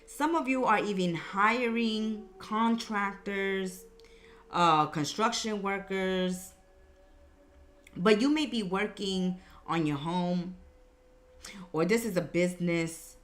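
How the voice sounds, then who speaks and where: A woman's voice: medium pitch, takes it slowly, fairly bright tone. A woman giving a conversational, improvised mystical horoscope reading, emphatic and repeating phrases for effect. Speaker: tarot and horoscope reader, host.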